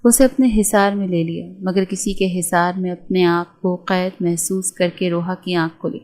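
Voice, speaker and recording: A woman narrating a romance novel aloud at a steady, measured pace. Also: fairly low pitch. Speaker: audiobook narrator.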